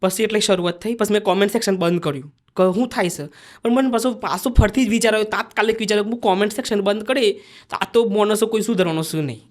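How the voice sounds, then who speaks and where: A man's voice: high voice, fast talker. A young man with a Sabarkantha Gujarati dialect, a vlogger and dancer telling his story as a podcast guest in a chatty way and acting out the lines he quotes. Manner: chatty, acts out quoted lines of himself and others.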